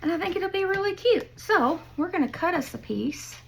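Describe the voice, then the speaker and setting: A woman's voice: extremely high pitch, expressive, moderate pace, vocal fry, slight background noise. An older woman, chatting folksily as she tells family stories and shows a craft project at home. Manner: folksy, chatty, laughs at her own stories. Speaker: craft vlogger. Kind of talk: casual storytelling and craft demo.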